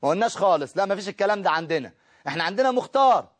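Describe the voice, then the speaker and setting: A man's voice: high voice, racing. A man with an Egyptian Arabic accent teaching an Arabic grammar lesson, explaining step by step and checking in with his students.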